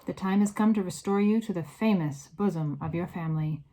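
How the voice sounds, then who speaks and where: Lady doing a no-nonsense old granny, calm and firm, kinda low voice. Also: brisk, lightly acted. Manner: firm and matter-of-fact.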